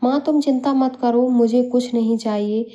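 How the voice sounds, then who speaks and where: A woman's voice: a little high, steady tone, moderate pace, warm tone, lo-fi sound, lightly acted. A woman voicing an unhappy young married daughter who speaks hesitantly, for a storybook. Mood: troubled. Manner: hesitant, denying then pouring out.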